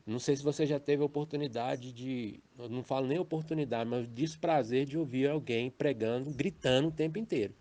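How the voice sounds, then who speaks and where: A man with a Brazilian Portuguese accent giving a recorded teaching on preaching, measured and explanatory, often tagging his phrases with a questioning "né" or "tá". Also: mid-range voice, dark tone. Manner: measured, explanatory, with frequent "né" and "tá" tags. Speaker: preacher teaching a formation course. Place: home recording for a messaging app.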